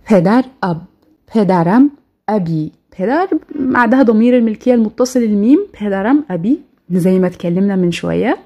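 A woman with an Egyptian Arabic accent giving a recorded language lesson, saying each word twice, slowly, for practice. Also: medium pitch, lively intonation, warm tone. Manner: slow, repeats each word twice for drill. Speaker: language teacher.

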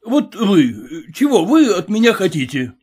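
A man's voice: sits high, big pitch swings, unhurried, a little mellow, husky, voice pushed up, full character voice. A man voicing an exasperated male circus wrestling announcer in an audiobook reading. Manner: bellowing, exasperated, pleading.

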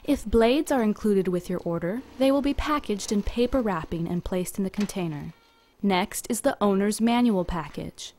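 A female company narrator reads step-by-step instructions from a script in a steady, measured tone, with slight background noise. Her pitch is medium, and the narration was recorded apart from the workshop in the footage.

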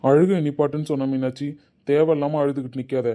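A man's voice: fairly high pitch, flat delivery, fast talker, mellow, close to an everyday voice. A man playing a short-tempered, protective older brother who scolds and gives orders, in an amateur audio drama. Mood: stern. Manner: scolding, commanding.

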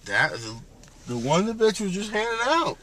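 A man's voice: high-pitched, big pitch swings, normal speed, crowd noise. A young man chatting casually, with a dry, grumbling way of talking. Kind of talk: casual chat. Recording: noisy handheld camera audio.

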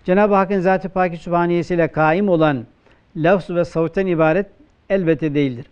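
A man with a Turkish accent, a religious teacher giving a classroom grammar lecture, who poses questions and answers them himself, and slows down to quote texts. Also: high-pitched, clean tone, lo-fi sound. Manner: asks questions and answers them himself, slow emphatic quoting.

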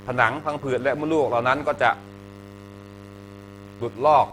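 A man's voice: mid-range voice, fairly even intonation, moderate pace, a bit bright, slight background noise. A male teacher giving a health lesson to students, chatty and joking, often asking the class questions.

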